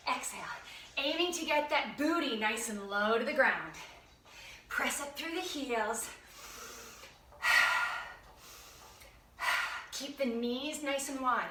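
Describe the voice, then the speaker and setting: Panting, high, bright fitness instructor woman. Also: far from the mic, slight background noise. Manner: upbeat, encouraging, panting between cues. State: out of breath. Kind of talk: workout instruction, counting reps. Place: room at home. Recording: echoey room, voice off-mic.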